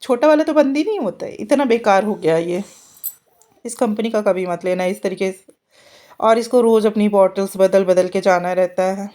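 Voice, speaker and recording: Woman in her thirties, chatty mother, casual home vlog, laughs often, mid-pitched voice. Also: moderate pace, warm tone. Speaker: vlogger mother. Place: home, getting children ready.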